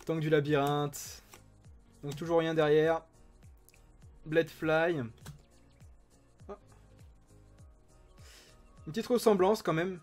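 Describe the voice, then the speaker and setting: A man's voice: fairly high pitch, steady tone, takes it slowly, pauses often, a little mellow, faint music behind. A man chatting enthusiastically as he opens trading card packs, reading card names aloud. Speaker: card-opening YouTuber. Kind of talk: casual unboxing commentary.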